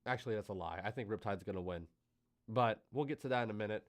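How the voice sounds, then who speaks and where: Excitable man hosting a live stream. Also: quick pace. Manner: excitable, animated swings in volume and pitch. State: out of breath. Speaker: livestream host.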